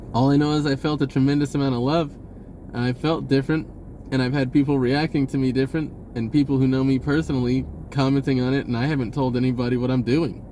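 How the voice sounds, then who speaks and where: This American man's voice is fairly high and a little mellow, with slight hiss or hum in the background. He's a spiritual self-help vlogger telling casual, unscripted personal stories, wandering through slang-filled tangents and frequently interrupting himself.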